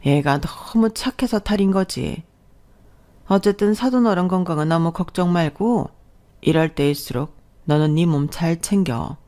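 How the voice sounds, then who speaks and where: A woman's voice: lowish voice, moderate pace, dark tone, natural voice. A woman reading the lines of a chatty middle-aged mother-in-law who fusses and reassures. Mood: reassuring.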